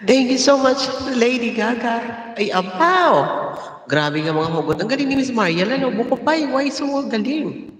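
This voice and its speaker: A man's voice: very high voice, lively intonation, normal speed, fairly bright tone. A man co-hosting a livestream, reacting with jokes and teasing in casual chat. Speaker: livestream co-host. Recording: distant, echoey, long reverb.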